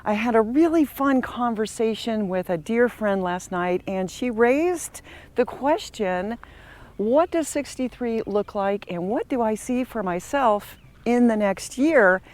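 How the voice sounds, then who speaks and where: A woman's voice: fairly high pitch, lively intonation, measured pace, darkish tone. A woman in her sixties talking casually while walking outdoors through a campground, in a chatty, reflective way. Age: 60s. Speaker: travel vlogger. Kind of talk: casual vlog monologue.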